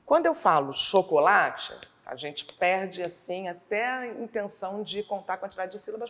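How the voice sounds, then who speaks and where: A woman teacher from Brazil with a Rio de Janeiro accent, explaining a school lesson slowly and deliberately, sounding out words syllable by syllable. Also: medium pitch. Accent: Rio de Janeiro Portuguese.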